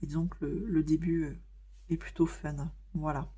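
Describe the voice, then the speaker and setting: A woman with a somewhat low voice talks casually to her viewers while she colors at home. She fills her sentences with hesitant fillers and often stops to restart a thought. Her tone is wry and easygoing. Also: flat delivery, normal speed, mellow, husky. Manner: chatty, many hesitations and fillers. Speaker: vlogger.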